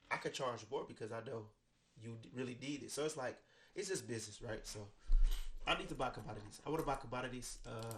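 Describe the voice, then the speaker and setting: A man's voice: mid-range voice, gravelly, a little hiss or hum. A man with an American accent and a stuffy nose from a cold, casually explaining finance topics into a desk microphone. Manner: loose and conversational, many "right?" tags. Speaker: finance educator. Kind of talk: casual explainer talk to camera. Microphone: studio microphone with headphones.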